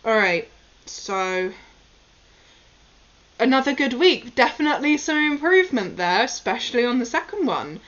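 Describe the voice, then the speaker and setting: Working through articulation drills and tongue twisters, a woman chats informally to her own recording about her attempts. She sounds a little high, very animated and fairly bright, speaking at a normal speed but pausing often. The audio is dull and lo-fi.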